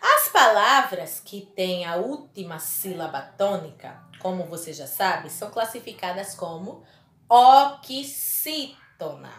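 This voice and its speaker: A woman's voice: fairly low pitch, expressive, measured pace, few pauses, sharp tone, reverberant. A woman teaching a primary school lesson to children, speaking in an affectionate, emphatic way and stretching out key words. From Brazil. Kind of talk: recorded classroom lesson for children.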